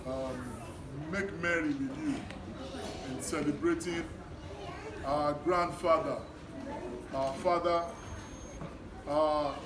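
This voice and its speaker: A middle-aged man with a Nigerian accent gives a motivational talk to schoolchildren, speaking deliberately in short, emphatic, repeated phrases. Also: fairly high pitch, fairly even intonation. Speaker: guest speaker, education worker. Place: echoey room at a live children's event. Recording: distant mic, echoey noisy room. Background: noise, small children.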